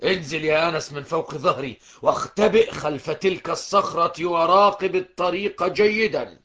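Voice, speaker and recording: Talking whale: gruff, kind, commanding; very bright, high tone. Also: male voice, moderate pace. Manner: commanding, scolding. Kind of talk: children's audio drama.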